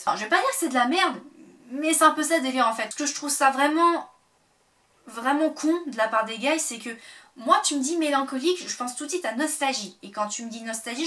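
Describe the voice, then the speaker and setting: A woman chatting casually to camera as a vlogger, full of fillers and sudden excited bursts. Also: high voice, distant mic.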